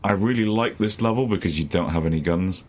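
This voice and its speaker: A man's voice: low-pitched, fairly quick. A man co-hosting a casual podcast chat, swearing freely, laughing often and acting out quotes. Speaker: podcast co-host.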